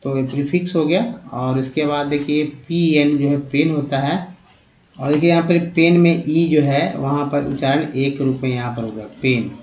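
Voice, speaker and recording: A man's voice: a little high, fairly even intonation, moderate pace, a little mellow. A man teaching English pronunciation to beginners, patiently explaining step by step and addressing listeners as friends. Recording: roomy, dull lo-fi sound.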